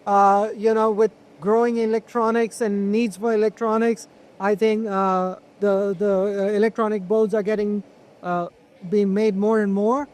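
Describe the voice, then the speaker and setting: A man being interviewed as a manufacturer, explaining products conversationally in a halting way, with repeated words. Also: high voice, level tone, a little mellow. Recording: clear ambient noise on location.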